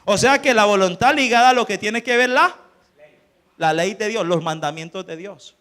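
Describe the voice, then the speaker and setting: A man's voice: sits high, moderate pace, fairly bright tone. A man preaching a sermon as pastor, firing rhetorical questions at the congregation. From Colombia.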